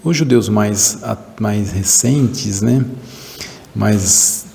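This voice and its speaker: A Brazilian man with a Brazilian Portuguese accent lecturing to a class, his low voice full of gravelly fry. He talks haltingly, restarting phrases and tagging them with little questions. The sound is mellow and dark, with a long hall reverb trailing behind it. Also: a little hiss or hum. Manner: halting, many restarts and "né?" tags. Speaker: teacher.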